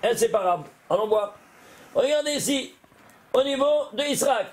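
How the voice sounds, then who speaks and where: High-voiced rabbi, exclamatory and questioning. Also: male voice, expressive, moderate pace. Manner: exclamatory, asks listeners questions often. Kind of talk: animated Torah lesson.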